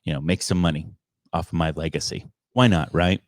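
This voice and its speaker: Low-voiced man hosting a casual podcast. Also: fairly even intonation, a little fast, dry recording, studio quality. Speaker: podcast host. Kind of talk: casual comedic podcast banter and storytelling.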